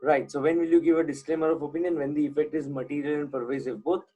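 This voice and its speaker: A man's voice: fairly high pitch, steady tone, fast, dark tone, husky, muffled recording. A man teaching an online class, putting questions to students and repeating the key points.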